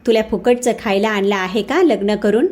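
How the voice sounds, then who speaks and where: A woman's voice: medium pitch, normal speed, lightly acted. An angry scolding young husband, as a woman reads him out. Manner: shouting, accusing.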